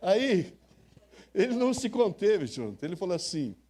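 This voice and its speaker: A man's voice: sits high, very animated, moderate pace, darkish tone. An older man from Brazil, a pastor preaching an emotional sermon, telling personal stories and speaking straight to the congregation. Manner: emotional, storytelling, direct address to congregation. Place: church sanctuary.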